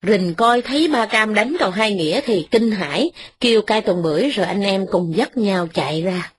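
A woman reading an audiobook as narrator, in a calm, even storytelling manner. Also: medium pitch, moderate pace, a little hiss or hum.

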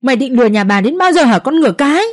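A woman voicing a furious elderly matriarch who screeches curses and scolds in a shrill, loud voice. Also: lively intonation, rapid-fire, no room sound, clean studio sound. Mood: enraged shrieking.

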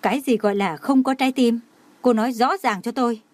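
A woman's voice: on the high side, brisk, a little mellow, no room sound, close to an everyday voice. A woman voicing a cold, domineering young male executive in an audio novel, curt and harsh. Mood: cold anger.

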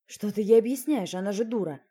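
A woman's voice: medium pitch, a little fast, dark tone, husky, natural voice. A woman voicing a spiteful young man turned into a frog, snapping and sarcastic.

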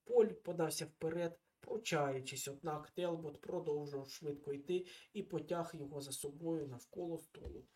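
A man narrating a detective story in the first person, with a wry, steady delivery. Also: on the high side. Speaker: audiobook reader.

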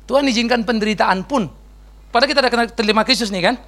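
A man's voice: extremely high pitch, rapid-fire, sharp tone. A man pastor giving a casual, joking sermon and answering questions, slangy and sprinkled with English words. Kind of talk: conversational sermon with Q&A.

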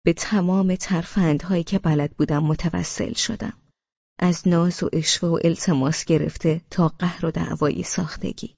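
A woman's voice: fairly low pitch, gravelly, husky, no room sound, highs cut off. Woman narrating an audiobook, dry sound. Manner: expressive storytelling. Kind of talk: first-person audiobook narration.

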